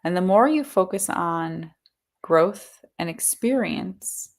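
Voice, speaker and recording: Woman as a trance seance medium, slightly low creaky voice, slow delivery, solemn serene spirit guide. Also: lively intonation. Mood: solemn, encouraging. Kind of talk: trance channeling message.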